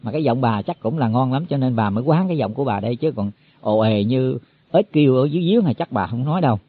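A man's voice: mid-range voice, lively intonation, fast talker, slightly rough, no room sound. A man giving a Buddhist sermon to monks, explaining in a folksy way and repeating his words as he goes. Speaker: Buddhist teacher. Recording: tinny phone-like, dry.

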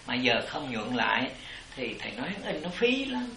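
A man's voice: medium pitch, very animated, normal speed, echoey room, a crowd in the background, low-quality recording. A man teaching as a Buddhist master, explaining to his disciples in a rambling, repetitive way. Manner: rambling explanations, repeats "it" constantly. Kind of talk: dharma talk answering disciples.

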